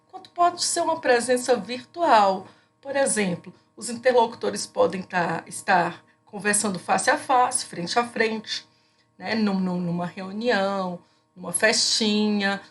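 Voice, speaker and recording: A woman, giving a recorded class lecture in an explanatory way, often pausing on fillers and restarting her sentences. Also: mid-range voice. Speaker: teacher.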